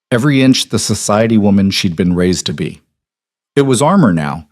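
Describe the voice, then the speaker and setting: A man reading a dramatic story aloud in an even, steady scripted narration. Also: lowish voice, no echo, clean studio sound.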